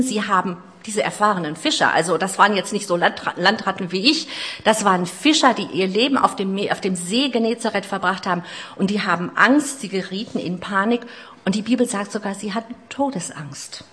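A middle-aged woman delivers a sermon in a mid-range voice. She retells the story in a personal way, with asides about her own life. She moves between loud, emphatic lines and quiet, hushed ones. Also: medium pitch, fairly quick. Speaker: preacher.

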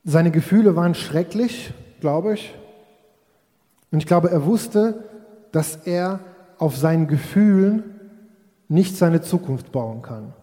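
A man's voice: on the high side, expressive, slow pace, pauses often, warm tone. A man preaching a sermon, reflective and speaking straight to his congregation, now and then acting out quoted voices. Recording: long hall reverb.

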